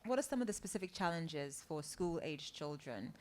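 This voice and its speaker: A woman's voice: low-pitched, lively intonation, moderate pace, background noise. A woman hosting and moderating a panel, upbeat, with short hesitations. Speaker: event host.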